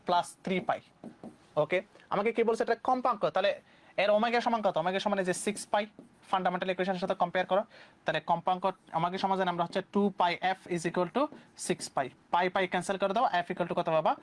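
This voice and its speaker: A young man from Bangladesh with a Bangladeshi Bengali accent, teaching physics exam questions briskly and mixing English terms into his speech. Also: high voice. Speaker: physics tutor. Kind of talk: exam-prep lesson.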